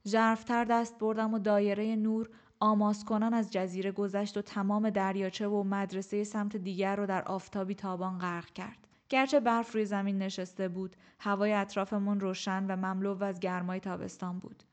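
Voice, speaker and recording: Woman audiobook narrator, medium pitch, steady first-person telling.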